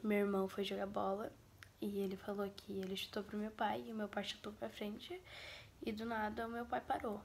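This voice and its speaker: A woman with a Brazilian Portuguese accent tells a personal story to camera as a vlogger. She speaks in a soft, breathy, half-whispered voice, sombre and grieving. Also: mid-range voice, little pitch movement, moderate pace, slight background noise.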